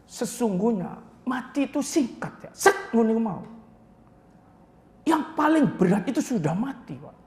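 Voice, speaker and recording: A man's voice: very high-pitched, big pitch swings, unhurried, creaky, long pauses, a little mellow. A man preaching a mosque sermon, telling stories with chuckles and asides. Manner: storytelling with Javanese asides and chuckles. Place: mosque hall. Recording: reverberant mosque hall.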